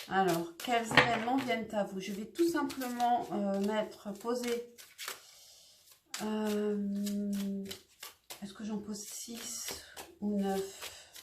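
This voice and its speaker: A woman's voice: medium pitch, background noise. A woman doing a casual tarot reading, talking hesitantly with lots of fillers and restarts. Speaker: tarot reader. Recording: echoey room.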